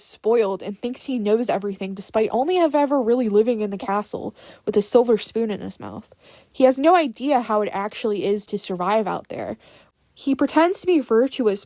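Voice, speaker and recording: A woman's voice: fairly high pitch, darkish tone, no room sound. A woman delivering a casual, scripted rant about characters in an opinionated, unhinged, sweary manner with informal sarcastic asides. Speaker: fan fiction creator.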